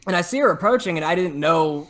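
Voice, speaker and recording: A young man telling a story in casual chat, animated and full of fillers and restarts. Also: fairly high pitch, quick pace. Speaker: podcast guest telling a story.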